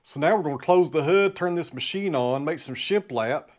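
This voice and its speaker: A sawmill vlogger in his thirties explains woodworking machinery to the camera inside a wood workshop, chatting casually and calling viewers friends and guys. His voice is a little high and moderately paced, with guitar music playing underneath.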